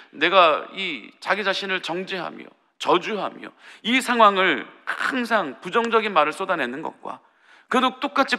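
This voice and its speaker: Pastor, male, earnest dawn-service sermon, high and very bright voice, long church reverb. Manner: earnest, pleading preaching with acted parent voices. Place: church sanctuary.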